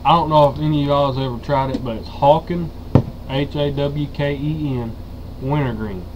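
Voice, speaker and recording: A man's voice: fairly high pitch, normal speed. An eighteen-year-old man with a Southern US accent, chatting casually as he reviews products. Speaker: dip reviewer. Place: small room indoors. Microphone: webcam or computer mic at arm's length. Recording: muffled, noisy webcam audio.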